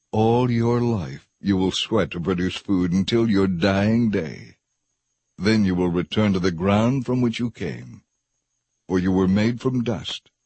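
A man's voice: sits low, darkish tone, husky, no room sound, exaggerated voice. A man voicing a stern God handing down judgment in grave, solemn pronouncements. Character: stern almighty male God passing judgment. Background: background music.

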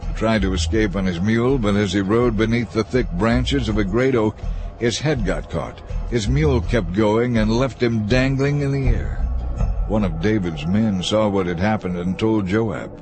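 A man reading a Bible story in steady, measured scripted narration. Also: on the low side, faint music behind.

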